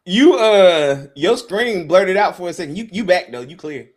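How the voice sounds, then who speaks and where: A man's voice: sits high, moderate pace. A man co-hosting a livestream over a video call, joking around and trash-talking in casual chat. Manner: animated, joking trash talk. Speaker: livestream co-host.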